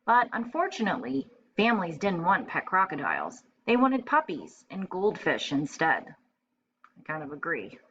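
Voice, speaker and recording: Reading aloud to first graders, the woman teacher uses a lowish, fairly bright voice with a breathy edge and huge swings in pitch, at a normal pace. She explains the story in simple terms and reads expressively, captured in a dull, faintly noisy lo-fi home recording.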